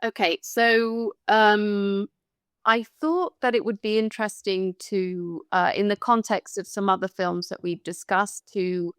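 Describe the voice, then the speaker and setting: A woman from London on a film podcast, talking through her thoughts in a casual discussion, pausing often and hunting for words. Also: mid-range voice, level tone, fairly bright tone, clean tone, no room sound, clean studio sound. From London, England. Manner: thoughtful and hesitant, searching for words. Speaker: podcast panelist.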